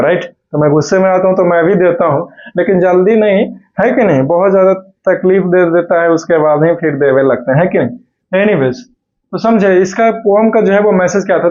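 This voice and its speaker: A man teaching a school English class, often checking that students follow and dictating answers slowly. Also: sits high, darkish tone. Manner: keeps checking in with students, slow word-by-word dictation. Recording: dull lo-fi recording.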